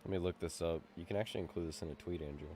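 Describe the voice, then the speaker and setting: A man's voice: low voice, racing, darkish tone, a little hiss or hum. A man streaming a sim race, chatting casually and laughing easily with teammates. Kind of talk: casual chat over voice comms.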